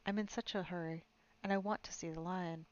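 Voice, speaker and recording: A woman's voice: fairly low pitch, fairly even intonation, a little fast, clean tone, lo-fi sound, natural voice. A woman voicing a determined, anxious young boy who speaks urgently and breathlessly.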